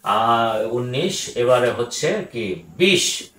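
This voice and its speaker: A man with a Bangladeshi Bengali accent teaching a grammar lesson, speaking slowly and deliberately, repeating each word and often pausing on "ah". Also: mid-range voice, very animated, sharp tone, reverberant, slight background noise, rough recording.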